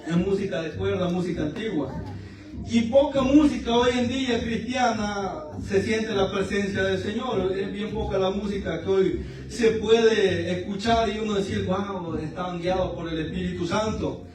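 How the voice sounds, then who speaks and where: High-voiced man preaching in an echoey church. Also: moderate pace, a little mellow. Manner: fervent, emotional preaching with a personal testimony. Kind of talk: evangelical sermon. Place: church service in a large room. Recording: very echoey room, voice far from mic.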